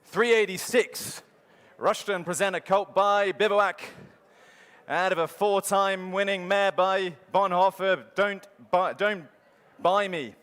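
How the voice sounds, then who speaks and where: High-voiced man chanting bids as an auctioneer. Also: takes it slowly, fairly bright tone, smooth. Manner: rhythmic, repetitive bid calling. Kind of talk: auctioneer chant calling bids at a live sale. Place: large sale arena. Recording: hall reverb from sale ring PA.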